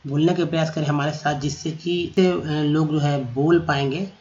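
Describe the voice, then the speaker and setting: A man teaching English vocabulary, saying each word, spelling it out and repeating it slowly. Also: fairly high pitch, steady tone, a little mellow, muffled recording. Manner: slow, drawn-out repetition of each word. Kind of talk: spelling and pronunciation lesson.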